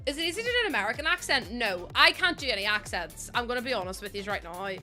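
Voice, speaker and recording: A young woman with a Northern Irish accent banters with her live chat on stream, giggly and heavy on local slang, faint music in the background. Her voice runs a little high, animated and quick, with a pushed, bright quality.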